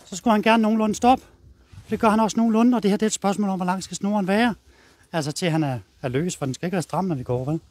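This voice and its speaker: A man's voice: high voice, a little mellow. A man with a Danish accent, a dog trainer explaining his method in a blunt, casual way while walking a dog outdoors.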